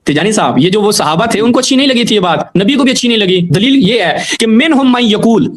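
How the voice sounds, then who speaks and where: A man arguing his case in a religious debate, insistent and pressing, reciting Arabic quotations at a steady clip. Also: high-pitched. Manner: insistent, argumentative, quotes Arabic texts. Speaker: debate guest.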